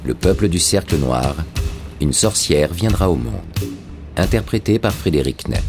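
A man reading a dark fantasy audiobook aloud in a measured, dramatic way. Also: low-pitched, expressive, music in the background. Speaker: audiobook narrator. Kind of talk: scripted audiobook narration.

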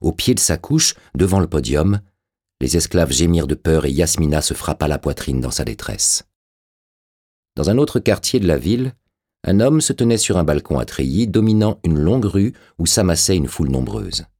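A male narrator reading an audiobook with measured drama. His voice sits very low and has a husky edge throughout. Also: expressive, dark tone.

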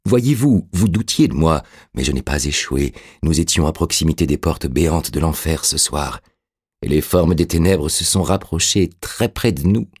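A man's voice: a bass voice, lively intonation, normal speed, darkish tone, husky, no room sound, clean studio sound, exaggerated voice. A man voicing an intense, commanding male sorcerer-priest who speaks in urgent, insistent exclamations in an audiobook reading. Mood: fervent.

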